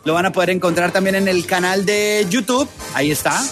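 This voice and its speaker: High-voiced radio host man. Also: brisk, a bit bright, faint music behind. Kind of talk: casual radio banter.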